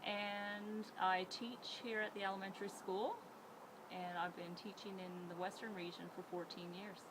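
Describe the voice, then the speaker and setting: A woman talks in a friendly, plain way. Her pitch is middle of the range. Clear background noise sits under the voice. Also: level tone, moderate pace. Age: 30s. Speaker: teacher, council candidate. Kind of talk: interview answer. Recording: noisy background.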